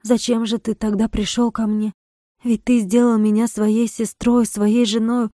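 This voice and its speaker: A woman's voice: fairly high pitch, little pitch movement, measured pace, mellow, no room sound, studio quality, lightly acted. A woman reading aloud, voicing a wild, passionate young village woman who pleads and argues. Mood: desperate. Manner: pleading, impassioned.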